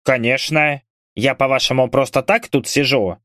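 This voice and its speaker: A man voicing a smug male ghoul, a dark mage who drawls and sneers. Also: medium pitch, steady tone, normal speed, no echo, clean studio sound, close to an everyday voice. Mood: smug, mocking.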